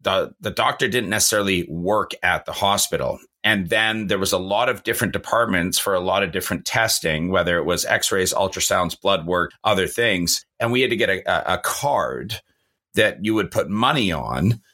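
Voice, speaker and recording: Low-voiced, bright-toned man telling stories. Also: moderate pace. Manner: storytelling, playful rhetorical questions. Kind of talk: casual chat.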